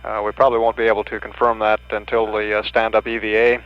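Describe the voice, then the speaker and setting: A man giving halting, measured, unscripted mission commentary on an archival broadcast. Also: fairly low pitch, completely flat delivery. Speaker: mission public affairs commentator. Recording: dull archival broadcast with hum.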